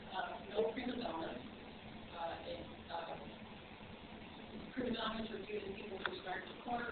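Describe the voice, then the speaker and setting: A woman giving an academic thesis defense presentation, hedging and halting as she corrects herself. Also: mid-range voice. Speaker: doctoral candidate presenting research. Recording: echoey, noisy, phone-like, far from mic.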